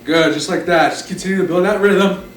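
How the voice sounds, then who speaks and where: A man's voice: high-pitched, steady tone, a little fast. A man leading an exercise class as instructor, giving short encouraging cues and counts. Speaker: fitness instructor. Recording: roomy echo, distant mic, background music. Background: music.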